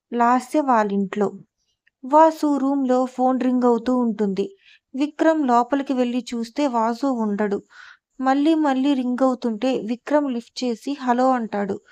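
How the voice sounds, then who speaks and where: A woman narrating a serialized novel, reading dialogue and narration aloud in a plain, even way. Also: a little high, no room sound. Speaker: storyteller. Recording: dull lo-fi, dry close mic.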